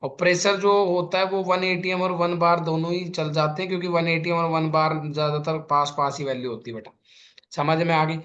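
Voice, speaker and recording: Guy teaching chem in mix, highish voice, keeps saying beta, kinda muffled lo-fi audio. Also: level tone, a little fast, fairly bright tone. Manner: calls students "beta", explains patiently with repeated questions. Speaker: chemistry teacher. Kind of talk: exam-prep lecture.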